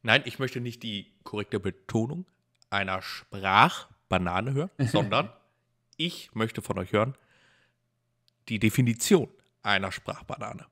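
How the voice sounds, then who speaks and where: A man's voice: fairly low pitch, animated, unhurried, sharp tone. A man running a quiz in a casual podcast chat, teasing the guessers and holding back the answer. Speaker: quiz host.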